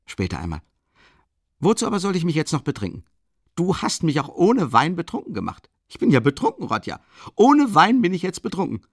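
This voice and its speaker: A man reading an excitable young man who rambles and breaks off mid-sentence. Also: fairly high pitch, a little fast, vocal fry, dry recording, studio quality, exaggerated voice. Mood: emphatic. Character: agitated young man, excitable, talkative friend.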